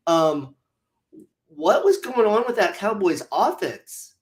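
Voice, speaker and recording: A man chatting on a fantasy football podcast in a fairly high voice. His talk is relaxed and rambling, full of fillers, and sounds like it comes through a remote call mic. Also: slow pace. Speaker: podcast co-host. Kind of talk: casual fantasy football chat.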